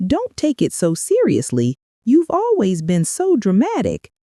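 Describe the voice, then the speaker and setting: Woman voicing a cruel grown daughter, falsely sweet, scornful, warm low voice, dry sound. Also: huge pitch swings, measured pace, no echo, exaggerated voice. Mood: mocking.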